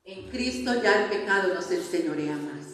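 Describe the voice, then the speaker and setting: A woman's voice: lowish voice, expressive, moderate pace, a loud crowd. A woman preaching a sermon in a church, stressing her points and often asking the congregation to answer back. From Colombia. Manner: emphatic preaching with frequent call-and-response questions to the congregation. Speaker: pastor. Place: church sanctuary. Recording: very echoey hall, voice from far off.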